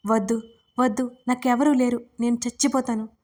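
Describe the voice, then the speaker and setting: Woman reading the part of a troubled young guy in a storybook, choked and desperate, highish voice. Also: steady tone, moderate pace, darkish tone, lightly acted. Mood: despairing. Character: young man hero, despairing and troubled.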